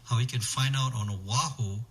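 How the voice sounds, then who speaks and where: A man's voice: mid-range voice, moderate pace, a bit bright. A man being interviewed on the radio, explaining things methodically and listing points in short phrases. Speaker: interview guest, amateur radio emergency organizer.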